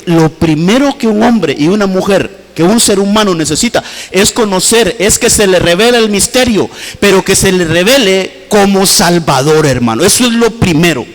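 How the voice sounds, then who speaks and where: A man preaching a sermon as pastor in a church, fervent and swinging his pitch widely while calling his listeners brother. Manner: fervent preaching with sweeping pitch swings, repeatedly addressing "hermano". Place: church hall. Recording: long church reverb.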